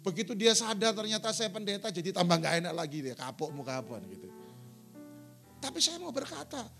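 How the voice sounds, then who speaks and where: A man's voice: sits high, sing-song, brisk, creaky, a bit bright, faint music behind. A middle-aged male pastor preaching a sermon in a church, telling stories and acting out quotes. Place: church sanctuary.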